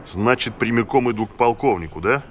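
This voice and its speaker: A man's voice: mid-range voice, brisk, lightly acted. A man playing a cocky, sardonic, teasing police captain in an audio drama.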